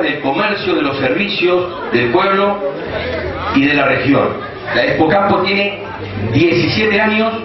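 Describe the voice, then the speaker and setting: Argentine man on an echoing loudspeaker. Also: high-pitched. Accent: Argentine Spanish. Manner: measured, slow phrase-by-phrase delivery. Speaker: expo organizer giving opening speech. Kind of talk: formal ceremonial speech. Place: outdoor livestock expo grounds with grandstand. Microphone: loudspeaker PA picked up by a distant camera. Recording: echoey loudspeaker sound from far off, dull, crowd noise.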